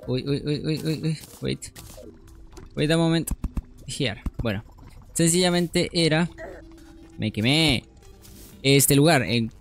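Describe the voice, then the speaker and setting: A man giving casual, excitable gameplay commentary, swearing and dropping English words as he plays. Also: mid-range voice. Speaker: gaming youtuber.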